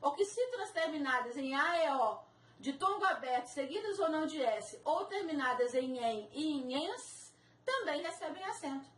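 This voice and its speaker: A woman teaching a recorded video lesson, going slowly and spelling out each example word with care. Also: sits high, big pitch swings, a bit bright, slight background noise. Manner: slow, careful, spells out examples. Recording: echoey room, mic at a distance.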